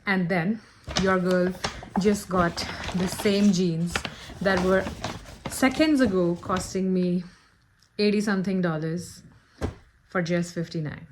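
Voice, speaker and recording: Woman lifestyle vlogger, slightly low pitch, upbeat casual chat straight to camera. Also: fairly even intonation, slow pace, noisy background. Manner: chatty and upbeat, talks straight to viewers.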